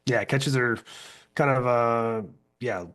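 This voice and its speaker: A man's voice: medium pitch, fairly even intonation, slow, fairly bright tone. A man co-hosting a casual podcast recap of a TV series, laid-back and profane. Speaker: podcast co-host.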